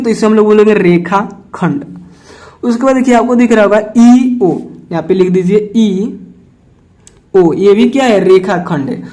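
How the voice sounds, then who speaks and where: A man's voice: high-pitched, warm tone. A young man from India, solving textbook maths exercises step by step and patiently checking in with his students. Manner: patient, repeats "ठीक है" and asks himself questions. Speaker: maths teacher.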